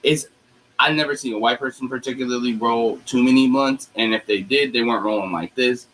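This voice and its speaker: A man's voice: medium pitch, a little fast, fairly bright tone, a little hiss or hum, rough recording. A man in his thirties chatting casually, telling stories with slang and mimicking people. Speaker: podcast co-host. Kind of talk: casual chat.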